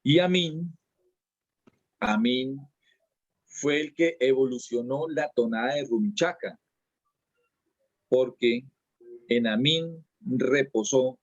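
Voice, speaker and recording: A man's voice: medium pitch, slow pace, long pauses, no room sound. Dance teacher guy talking it through, lots of restarts, kinda muffled dry recording. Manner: lecturing at length, with frequent restarts and repeated words. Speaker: dance teacher being interviewed. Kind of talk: casual explanatory interview.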